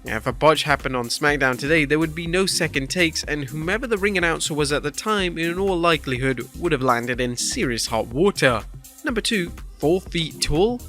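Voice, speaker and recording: A man delivers scripted countdown narration in a bright, forceful voice. His pitch sits a little higher than average for a man, and faint music plays behind his words. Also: animated, normal speed. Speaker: narrator of a wrestling countdown video.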